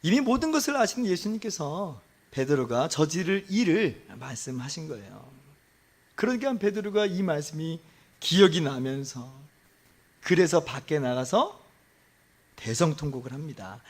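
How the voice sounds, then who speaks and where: Animated Korean pastor, high lively voice. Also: male voice, husky. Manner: impassioned preaching with big swings between loud outbursts and soft low phrases; asks the congregation rhetorical questions. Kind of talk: sermon.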